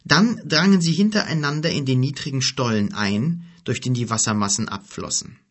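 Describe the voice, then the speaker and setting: Guy narrating a fantasy audiobook, husky, mid pitch, steady pace. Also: moderate pace.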